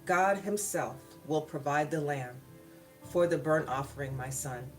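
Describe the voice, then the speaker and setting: A woman's voice: sits low, a little slow, voice pushed down. A woman voicing a devout old patriarch who speaks solemnly and reassuringly to his son in a storybook reading. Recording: background music behind the voice.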